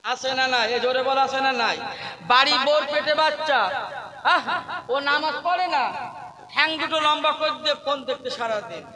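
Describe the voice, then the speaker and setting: A man's voice: extremely high pitch, brisk, sharp tone, rough recording. A man preacher, giving a rousing waz sermon to a gathering and bantering with the crowd through rhetorical questions. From Medinipur, West Bengal, India. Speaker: Islamic preacher. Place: outdoor religious gathering with a crowd. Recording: crowd noise behind the preacher.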